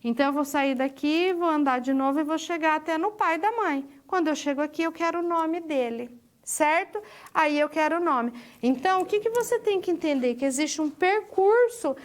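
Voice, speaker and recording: Woman teacher, high voice, talks herself through each step, questions and answers aloud. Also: moderate pace. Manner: walks through steps aloud, asking and answering her own questions; peppers speech with "ó" while pointing at a drawing. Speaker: programming teacher. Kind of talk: recorded lecture explaining pointers.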